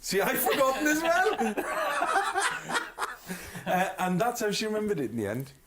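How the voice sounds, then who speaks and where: A man's voice: high voice, big pitch swings, unhurried, a loud crowd. A man with a Welsh accent, a singer guesting on a chat show, telling stories with lots of laughter. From Wales. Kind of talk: anecdotal chat show storytelling.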